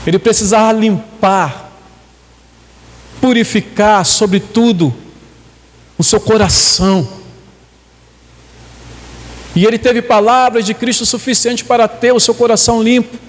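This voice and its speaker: A man's voice: high voice, steady tone, unhurried, pauses often, big-room sound. A man preaching a sermon, reading scripture aloud and explaining it to the congregation.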